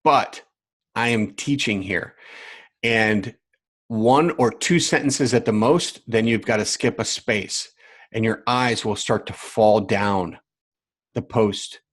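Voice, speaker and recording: A man's voice: fairly low pitch, slow pace. Emphatic male business coach. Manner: emphatic, repetitive, talks straight to viewers. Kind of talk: live online coaching lesson.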